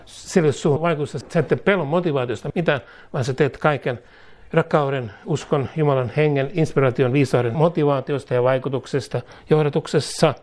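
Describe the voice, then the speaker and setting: A man's voice: fairly high pitch, darkish tone. A man preaching a charismatic sermon, declaring against demons and fear, then leading the congregation in a prayer they repeat line by line. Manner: declaring, repeating lines for the congregation to echo, speaking in tongues. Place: church service before a congregation.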